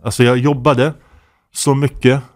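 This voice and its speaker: A man in his fifties, a guest imam, telling lively stories with laughter and Arabic phrases sprinkled in. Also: medium pitch. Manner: animated anecdotes with laughter, Arabic phrases mixed in. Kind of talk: podcast interview storytelling.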